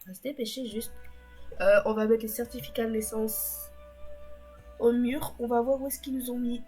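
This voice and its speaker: A woman's voice: on the high side, steady tone, moderate pace, dark tone, faint music behind. A woman giving casual let's-play commentary as a gaming YouTuber, chatty and rambling with wry asides.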